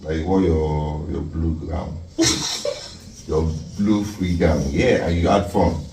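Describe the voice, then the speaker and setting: A young man, chatting calmly and good-humouredly with his wife. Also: very deep voice, slow, gravelly, recorded from a distance. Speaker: vlogger's husband. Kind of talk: casual chat. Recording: echoey room, off-mic, faint hum.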